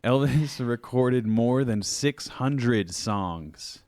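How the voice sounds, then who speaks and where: Here the music podcast host has a mid-range, slightly mellow voice with lively intonation. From his home studio he does a sponsor read and then chats playfully with a co-host, joking and elongating words for effect. The recording is dry and close-miked on a studio microphone.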